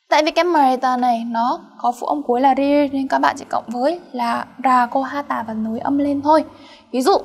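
A woman teaching a grammar lesson, explaining step by step and checking in with her students through frequent questions. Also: high-pitched. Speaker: Korean language teacher.

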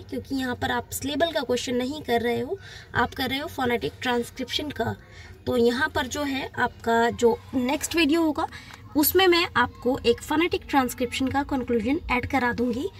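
A woman's voice: sits high, moderate pace. A woman teacher giving an exam-prep lesson over slides, patient and repetitive, mixing in English terms. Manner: patient, repeats points, mixes in English terms.

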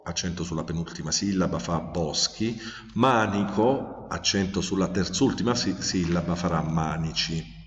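A man teaching a grammar lesson in a methodical way, with frequent hesitations while he lists examples. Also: low-pitched. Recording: echoey, distant, dull lo-fi sound.

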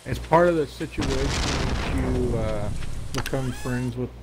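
A man's voice: medium pitch, a little slow, noisy background. A man hosting a let's play, chatting casually and joking with a friend while he plays. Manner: joking, playful banter. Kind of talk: casual gaming chat.

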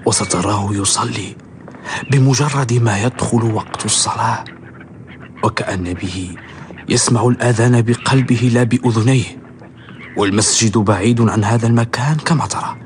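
A man's voice: medium pitch, moderate pace, a little hiss or hum, close to an everyday voice. An actor playing a cautious, admiring man watching from hiding in a radio drama, earnest and secretive. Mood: reverent. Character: admiring, cautious male guide spying from hiding. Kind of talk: radio drama acting in formal Arabic.

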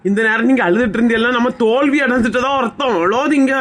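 A woman's voice: on the high side, fast talker, natural voice. A woman playing a cheerful young companion with a Kanyakumari accent, upbeat and reassuring. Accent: Kanyakumari Tamil.

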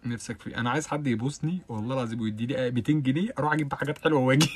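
A young man with an Egyptian Arabic accent, hosting a casual live stream, chatting with viewers and answering their comments, with bursts of loud laughter. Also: husky. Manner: rapid chatty talk with frequent oaths and bursts of loud high laughter.

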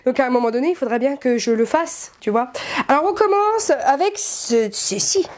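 Excitable high-voiced French vlogger woman. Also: moderate pace. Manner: chatty, excitable, fillers and self-mocking asides. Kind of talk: casual haul vlog. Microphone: camera set back.

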